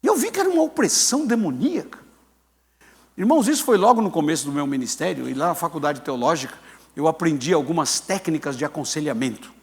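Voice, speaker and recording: With a fairly high pitch and a fast delivery, a sixty-something pastor narrates a sermon story. He performs it energetically, imitating the voices of the figures he quotes.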